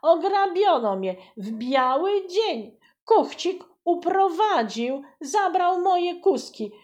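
A woman voicing a tearful poor old widow in a storybook reading, wailing drawn-out pleas. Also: extremely high pitch, very animated, a little mellow, lo-fi sound, pitched above the performer's own voice, exaggerated voice.

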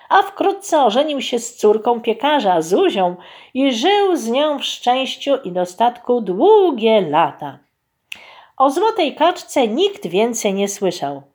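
Unhurried, expressive woman storyteller. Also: a little high. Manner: expressive, unhurried, addressing children. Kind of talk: children's fairy-tale narration.

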